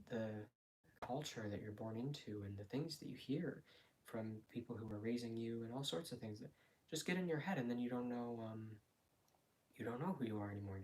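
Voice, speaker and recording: Quiet late-night man streamer, noisy recording. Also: mid-range voice. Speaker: live streamer. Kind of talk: quiet late-night livestream, casual monologue. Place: room at home at night. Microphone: phone.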